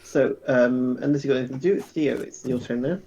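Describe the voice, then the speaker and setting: A man running a tabletop game as game master, brisk and quick to laugh. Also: medium pitch, a little mellow, breathy edge, rough recording.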